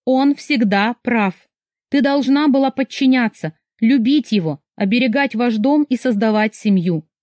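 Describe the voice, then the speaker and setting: A woman's voice: on the high side, measured pace, a little mellow, dry recording, studio quality, voice pushed up, natural voice. A woman voicing a stern mother who scolds her daughter in a firm, insistent tone. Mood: reproachful. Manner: firm, reproachful.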